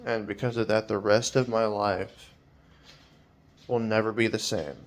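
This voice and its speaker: Weary, rambling young man, lowish voice. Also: flat delivery, measured pace. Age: 20s. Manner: hesitant, rambling, many fillers and trailing off; weary, anxious. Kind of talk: personal vlog monologue.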